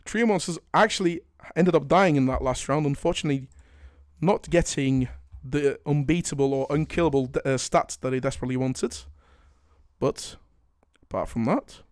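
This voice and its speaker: A young man casting a live esports match, jokey and excitable, rising to shouts on big plays and dropping to quiet asides. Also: on the high side, normal speed. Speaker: esports caster.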